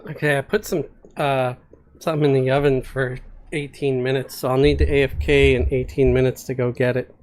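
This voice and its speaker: A man's voice: medium pitch, level tone, brisk, darkish tone. A man streaming an online role-playing game, chatting casually with his group and reading out viewer messages, with many hesitant fillers. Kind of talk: casual live-stream chat over voice chat.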